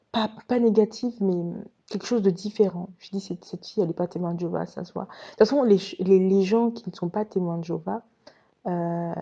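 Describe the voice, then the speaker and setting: Woman chatting to her viewers, telling a story, super dark mellow tone, dull lo-fi recording. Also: fairly low pitch. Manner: chatty, addresses viewers directly. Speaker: vlogger recounting her past. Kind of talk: casual spoken storytelling.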